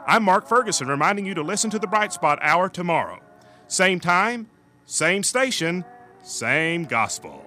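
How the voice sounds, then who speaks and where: A man's voice: high-pitched, big pitch swings, noisy background. A man reading a scripted closing announcement for a radio program in a polished announcer manner. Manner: brisk, polished announcer delivery. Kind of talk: scripted broadcast outro.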